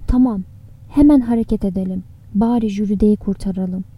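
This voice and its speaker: A woman's voice: mid-range voice, brisk, slightly rough, no echo, highs cut off, natural voice. A woman voicing a worried, grieving young man in an audiobook, with urgent and anxious delivery. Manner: urgent, breathless worry. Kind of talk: audiobook character reading.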